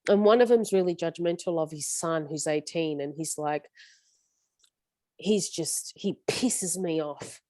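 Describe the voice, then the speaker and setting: A woman's voice: sits low, measured pace, a little mellow, dry recording. Woman coaching a support group. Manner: earnest, coaching, stumbles over words. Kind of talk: casual group support session.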